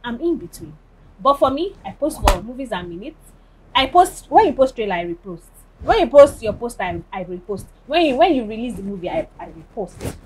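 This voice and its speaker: A woman with a Nigerian accent, a guest actress on a talk show, speaking emphatically and telling her views in a lively way. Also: on the high side, fairly quick, a little hiss or hum, low-quality recording. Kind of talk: casual chat.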